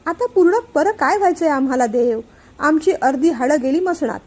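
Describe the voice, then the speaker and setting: A woman's voice: high-pitched, expressive, normal speed, darkish tone. A woman voicing a stubborn elderly mother who jokes away her illness, in a family storybook reading. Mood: stubborn, teasing. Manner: teasing, firm.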